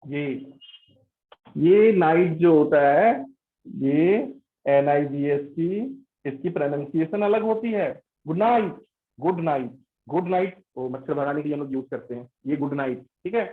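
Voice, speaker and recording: A man with an Indian English accent giving an English pronunciation lesson, switching between Hindi and English and repeating example words slowly. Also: fairly high pitch. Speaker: English teacher. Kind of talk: classroom lecture mixing Hindi and English. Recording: tinny phone-like sound.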